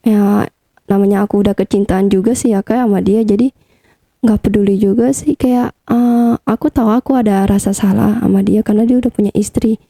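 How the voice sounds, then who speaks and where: A woman's voice: medium pitch, steady tone, fairly quick, creaky, mellow, no echo. A young woman being interviewed, telling a personal story casually, with lots of hesitant fillers. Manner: chatty, hesitant with many fillers. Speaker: interview guest.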